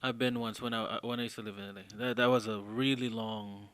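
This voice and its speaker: A man's voice: fairly low pitch, little pitch movement, fast talker, fairly bright tone, clear, resonant tone, no room sound. A man co-hosting a casual podcast chat, teasing his partner sarcastically and prodding him with questions. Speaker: podcast co-host.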